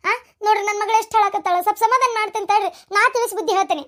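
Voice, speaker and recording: A chatty cartoon mother , as a woman plays her who quotes proverbs and defends her daughter in a fussy, sing-song North Karnataka Kannada. The voice is very high and bright. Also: rapid-fire. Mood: soothing.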